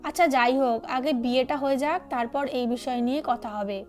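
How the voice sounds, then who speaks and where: A woman's voice: high-pitched, brisk, soft background music, close to an everyday voice. Woman voicing a scornful suspicious father. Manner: scornful, accusing.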